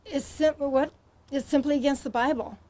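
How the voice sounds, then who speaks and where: A woman answering questions as a talk show guest, halting and hesitant with many pauses and ums. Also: sits high, steady tone, warm tone. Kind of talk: studio interview answers.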